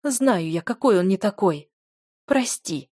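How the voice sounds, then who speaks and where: A woman reading an audiobook, voicing an imperious noble mother who scolds and insists in a raised, high voice. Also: expressive, a little slow, dark tone, husky, no room sound, clean studio sound. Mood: scolding.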